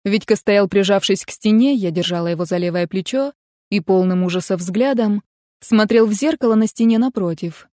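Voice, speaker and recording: A woman's voice: medium pitch, moderate pace, mellow, no room sound, clean studio sound. A woman reading first-person narration from a novel, with emphatic delivery of the dialogue. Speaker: audiobook reader.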